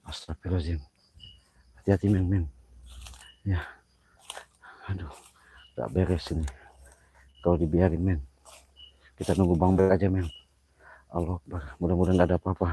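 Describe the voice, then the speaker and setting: A man live-streaming a night ghost hunt outdoors on a hillside, who yells challenges at spirits and mutters prayers in between. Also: deep voice, flat delivery, normal speed, long pauses, slight background noise. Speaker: paranormal vlogger.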